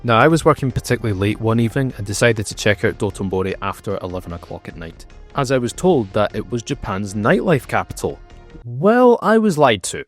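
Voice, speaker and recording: A man in his thirties narrates a travel vlog in a low voice that swings widely in pitch. He drops wry, sarcastic asides and leans on words for playful effect, with faint music running behind him. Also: lively intonation, fast talker, few pauses. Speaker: travel vlogger.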